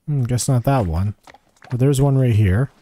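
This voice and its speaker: Playing through a quest, this gamer offers casual commentary, tossing out brief offhand thoughts as he goes. He speaks at a medium pitch and moderate pace with a mellow sound.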